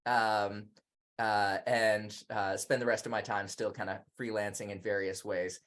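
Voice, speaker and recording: A man's voice: lowish voice, level tone, measured pace, fairly bright tone. A man in his thirties, a podcast guest who grew up in Indonesia, talking casually in a chatty, self-deprecating way with many fillers. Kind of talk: casual conversation.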